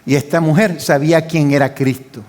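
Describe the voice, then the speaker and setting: An older man, a pastor, preaching a fervent sermon that swings between loud pleading and quiet asides. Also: on the high side, steady tone, moderate pace.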